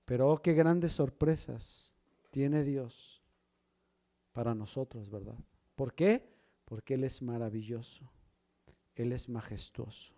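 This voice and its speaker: A man preaching a sermon, swinging from loud emphasis to hushed low lines and asking the congregation questions as brothers. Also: takes it slowly, pauses often. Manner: asks the congregation questions, addresses them as brother. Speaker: pastor.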